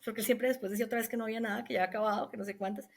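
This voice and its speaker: A woman's voice: a little high, fairly even intonation, racing, creaky. A middle-aged woman giving an emotional personal testimony, recounting events earnestly and quoting the people involved. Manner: earnest, recounting with quoted dialogue. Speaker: guest telling her testimony.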